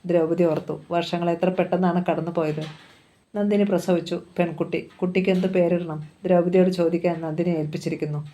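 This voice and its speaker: Calm, mellow woman reading a novel. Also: fairly low pitch, a little fast. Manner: calm, even storytelling. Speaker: novel reader.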